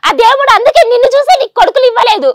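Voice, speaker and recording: A woman's voice: very high-pitched, lively intonation, very fast, no echo, studio quality. A young woman, a daughter of the family, pleading and accusing through tears.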